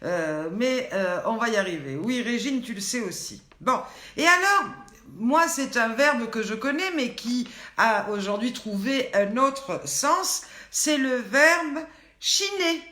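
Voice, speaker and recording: A woman's voice: a little high, expressive, takes it slowly, pushed and bright. An older woman hosting a live online show, playfully quizzing viewers and reading out their names and comments. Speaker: host of a daily online show. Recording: echoey room.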